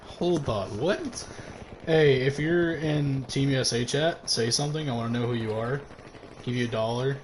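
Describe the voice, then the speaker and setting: A man's voice: mid-range voice, normal speed, a little hiss or hum. A young man casting a live online match, laughing and exclaiming often, out of breath. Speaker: match caster. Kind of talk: excited live game commentary.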